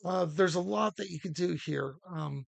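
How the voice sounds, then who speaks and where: A man hosting a casual livestream workshop, talking haltingly with many fillers and restarts. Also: high-pitched, gravelly, dry recording. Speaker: host.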